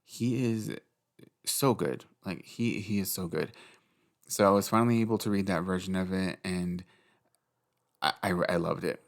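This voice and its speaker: A man's voice: deep voice, moderate pace, creaky, long pauses. A young man hosting a casual solo podcast, rambling and giggly, swearing freely. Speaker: podcast host.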